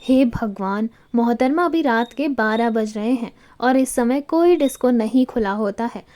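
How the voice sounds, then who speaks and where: A woman voicing a calm, wealthy young husband who humors his tipsy wife in a storybook. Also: fairly high pitch, measured pace, close to an everyday voice. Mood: dry. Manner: calm, dry, indulgent. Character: cool, wealthy young husband, amused and patient.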